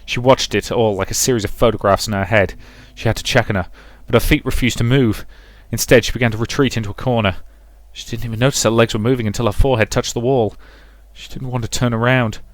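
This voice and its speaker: A medium-pitched man speaks fast and steadily, barely pausing, as he hosts a let's play. He goes back and forth between casual talk and reading the visual novel's story, with game music echoing around a roomy space.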